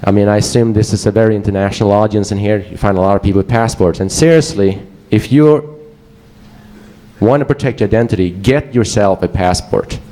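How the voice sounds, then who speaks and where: A man with a Swedish accent gives a casual, joking presentation to a live conference audience. His voice is lowish and mellow, and he talks fairly quickly.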